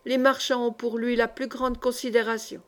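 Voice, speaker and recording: A woman's voice: fairly high pitch, little pitch movement, normal speed, natural voice. A woman reading the lines of a respectful male hotel servant in a story. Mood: admiring.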